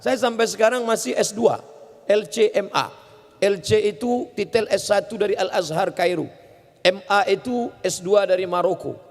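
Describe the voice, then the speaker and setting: A man's voice: sits high, moderate pace. A man preaching a humorous sermon, telling stories and acting out voices and sounds. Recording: reverberant hall.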